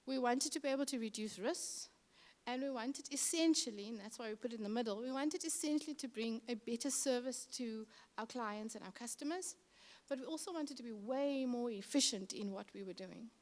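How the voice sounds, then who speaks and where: A woman's voice: a little high, a little fast, darkish tone. A middle-aged woman with a Cape Town South African accent, giving a conference presentation as a city infrastructure manager, talking conversationally with frequent ums and uhs.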